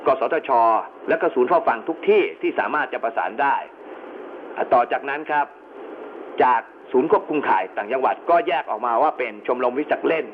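A man's voice: mid-range voice, expressive, brisk. A man giving an explanatory lecture as an instructor, going step by step with informal asides. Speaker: instructor in amateur radio emergency communications. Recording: narrow phone-like band with clear background noise.

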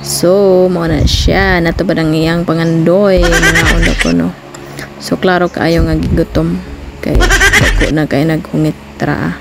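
A woman's voice: fairly low pitch, expressive, unhurried, creaky. Chatty Cebuano woman vlogging on a phone. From Philippines. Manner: chatty, laughs often, mixes English phrases. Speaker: family vlogger. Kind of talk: casual vlog narration. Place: outdoor seaside barbecue spot at night. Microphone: phone held at arm's length. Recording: loud outdoor background noise.

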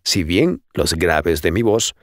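A man's voice: sits low, slow, no echo, clean studio sound. A man with a cold, hosting a casual podcast and teaching how to breathe and stop sounding nasal, speaking animatedly and demonstrating sounds. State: congested with a cold. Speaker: voice coach podcaster. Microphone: close studio microphone.

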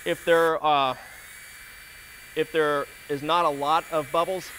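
A middle-aged man talks through a hands-on demonstration in a large warehouse, pausing on fillers and restarting sentences as he works. His voice sits a little high for a man, picked up on a lapel mic while he kneels on the floor. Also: flat delivery, bright, forceful tone, slight background noise. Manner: practical, explanatory, with frequent fillers and restarts. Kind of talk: instructional demonstration.

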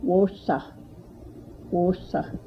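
A woman with a husky, creaky voice, slowly repeating words for a language lesson. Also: fairly low pitch, fairly even intonation, slight background noise. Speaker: language speaker modeling words. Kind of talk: slow repeated word pronunciation. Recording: dull lo-fi recording.

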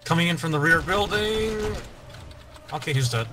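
A man's voice: a little high, lively intonation, normal speed, bright, forceful tone, a little hiss or hum. An American man chatting casually with his squad while playing, often trailing off and joking about his bad luck. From United States. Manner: rambling, self-mocking, trailing off mid-sentence. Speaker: gameplay commentator.

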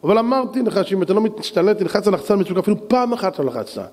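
A preacher acting out a furious male department head who shouts and scolds during a sermon. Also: high-pitched, sing-song, in a large hall, pitched above the performer's own voice. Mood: scolding.

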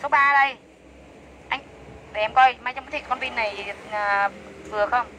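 A woman's voice: on the high side, moderate pace, fairly bright tone, slight background noise, poor audio. A woman selling clothes on a livestream, chatty and enthusiastic, repeating prices over and over. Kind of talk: fast live-sale patter.

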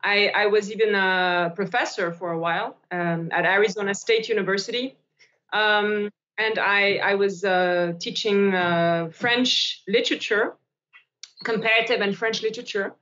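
A woman from Switzerland in her forties, an actress talking on a video call, pausing and repeating words as she thinks. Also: mid-range voice, steady tone, a bit bright. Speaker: actress guest. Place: bright room indoors by a window. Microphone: laptop camera on video call. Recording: dull lo-fi video call audio.

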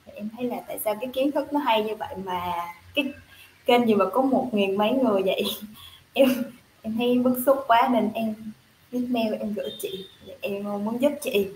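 A woman on a livestream call, speaking eagerly and speeding up as she goes. Her voice is slightly high and comes from a roomy, echoey space with faint noise behind it. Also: normal speed, a little mellow. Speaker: volunteer team member. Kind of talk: casual livestream chat.

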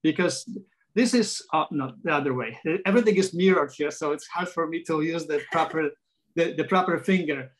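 A middle-aged architect and sketcher from Poland, voice a little high and pace moderate, answers questions as a video call interview guest. His Polish accent comes with frequent restarts and fillers. He's at home in a small room with framed pictures on the wall, heard through a laptop webcam.

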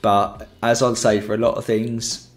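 With a level tone and measured pace, a young man's lowish voice wanders chattily through a photography lesson streamed live from his home. He wears a headset mic, uses many fillers, and faint music sits behind him.

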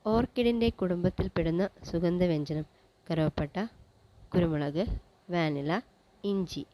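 Slow, low-toned woman reading quiz questions. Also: dark tone, rough recording. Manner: measured, list-like delivery with a pause after each option. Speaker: quiz presenter.

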